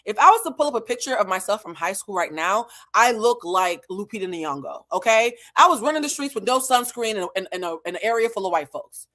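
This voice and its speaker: A mid-range, bright, forceful voice moves fairly quickly and animatedly, with hardly any pauses. The speaker is an American woman from New England, an online host and emotional intelligence teacher, giving an opinionated reality show recap to camera that's blunt, profane and emphatic, repeating points for effect.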